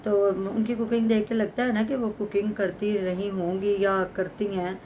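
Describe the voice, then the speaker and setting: A woman's voice: medium pitch, flat delivery, normal speed, mellow, a little hiss or hum. A middle-aged woman, chatting casually as a vlogger and giving prayers and blessings. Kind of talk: casual commentary chat.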